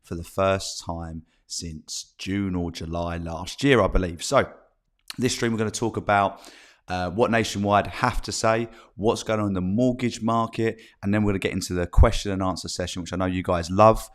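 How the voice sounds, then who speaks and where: Low-voiced Essex man. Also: moderate pace. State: slight cold in the voice. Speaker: live stream host, property agent. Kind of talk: informal live news bulletin with chat to viewers.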